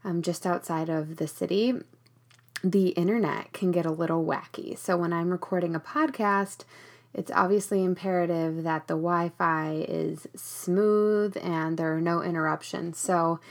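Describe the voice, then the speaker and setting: A woman hosting a podcast in a casual, chatty monologue, recorded in a small storage room with rain on the tin roof. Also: lowish voice. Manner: chatty, conversational. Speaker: podcast host.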